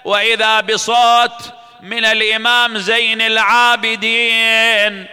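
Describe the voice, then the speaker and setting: A man recites a dramatic, mournful religious elegy, partly chanted. His voice sits very high and rings smooth and resonant. A long hall reverb trails each phrase. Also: flat delivery, takes it slowly, bright, forceful tone. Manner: dramatic, tearful lamenting delivery.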